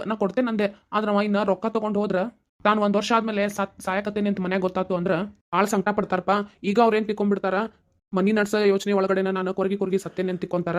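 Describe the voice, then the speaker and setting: A woman's voice: medium pitch, natural voice. Woman doing a kind rich North Karnataka uncle. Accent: North Karnataka Kannada. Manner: earnest, reassuring, long explaining speeches. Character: wealthy kindly middle-aged man, family friend. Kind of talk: cartoon voice acting.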